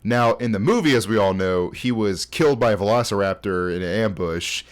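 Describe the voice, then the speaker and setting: A young man in his twenties hosts a casual video essay, talking informally through scripted commentary in a conversational way. His voice is on the low side and his pace is a little fast.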